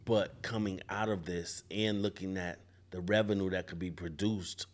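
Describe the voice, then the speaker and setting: A barber in his forties speaks on a podcast during a casual panel discussion, recorded on a boom-arm studio mic in an indoor barbershop event space. His voice sits low with fairly even intonation and a moderate pace, and he is thoughtful, often restarting his sentences.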